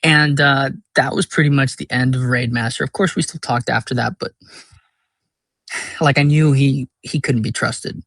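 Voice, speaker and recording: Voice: mid-range voice, fairly even intonation, normal speed, a bit bright, no echo. A casual storyteller telling a long tale, rambling with many fillers and crude words.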